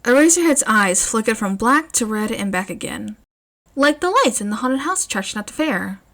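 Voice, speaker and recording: Woman reading a story with a lively lilt. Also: fairly high pitch, moderate pace. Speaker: narrator, fanfiction reader. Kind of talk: storybook narration.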